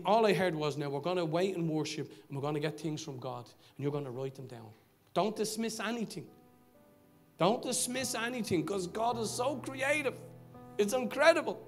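Middle-aged Dublin pastor, storytelling sermon, fairly high voice, bursts loud then drops low, faint music under. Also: male voice. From Dublin, Ireland. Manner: swings from loud excited exclaiming to hushed, low confiding tones. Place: church service.

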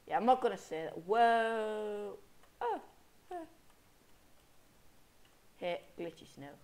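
A young man with a stuffy, sniffly cold chats casually about the game he's playing, rambling, correcting himself, and feigning anger at enemies. His voice is high and sing-song with a darkish tone, and he speaks slowly.

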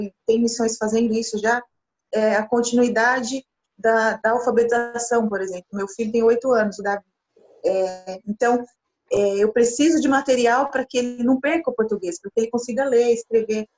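In her thirties and from Brazil, this missionary speaks fairly quickly in a fairly high voice, earnest and animated with her hands. She's interviewed over a video call from a small room, seated beside her husband, and her laptop camera mic produces dull, low-fidelity audio.

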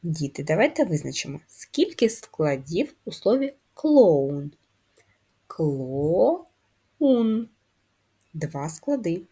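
A woman teaching a first-grade class how to write a letter, breaking words into sounds slowly and clearly. Her voice sits a little low and sounds mellow and soft-edged, with a faint huskiness. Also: sing-song. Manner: slow, clear syllable-by-syllable explanations. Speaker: primary school teacher. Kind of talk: first-grade handwriting lesson.

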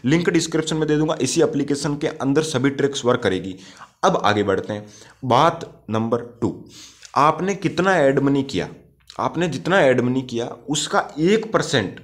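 A man hosting a casual tutorial over gameplay. He speaks directly and repeats himself, often checks that the listener understands, and calls the viewer brother. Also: mid-range voice. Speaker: YouTube gaming-tips host.

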